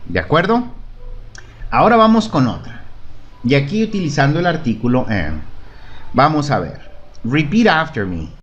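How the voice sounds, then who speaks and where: A man's voice: fairly high pitch, very animated, moderate pace, long pauses, a bit bright, lo-fi sound. A man teaching a beginner English lesson in Spanish, patiently modelling phrases for repetition and checking understanding. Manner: patient, repeats and checks with "¿De acuerdo?". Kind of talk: online language lesson.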